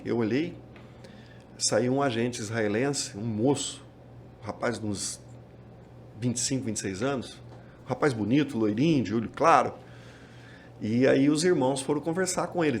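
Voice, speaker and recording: A man from tells a story as a pastor and podcast guest. His voice sits at a mid pitch. He narrates in a lively way and acts out the dialogue he quotes. There is faint background noise. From Minas Gerais, Brazil. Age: 50s.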